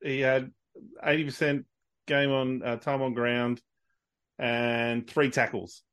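A man's voice: medium pitch, little pitch movement, slow, a bit bright, clean tone, no room sound. An Australian man co-hosting a podcast, giving blunt, laid-back opinions in casual sports chat. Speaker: podcast co-host.

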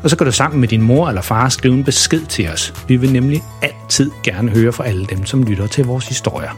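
A man's voice: medium pitch, over music. Playful male children's storyteller. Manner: lively, playful narration.

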